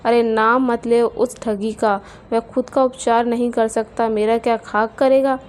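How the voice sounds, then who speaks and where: A woman's voice: fairly high pitch, level tone, measured pace, lightly acted. A woman voicing a harsh scolding mother-in-law. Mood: scornful. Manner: scolding, taunting. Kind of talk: storybook character voice.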